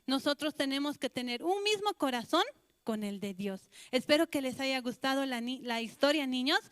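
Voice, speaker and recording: A woman with a Bolivian Spanish accent tells a sermon story to children, turning to them with questions. Her voice is high-pitched and dry. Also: lively intonation, normal speed, fairly bright tone, no room sound. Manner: addresses children directly with questions. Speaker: children's church teacher.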